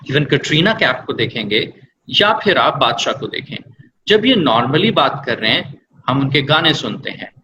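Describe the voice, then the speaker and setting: A man's voice: a little high, bright, forceful tone, a little hiss or hum, poor audio. A man working as an English language trainer, explaining patiently with examples and mixing English words into his Hindi. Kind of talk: explanatory interview answers.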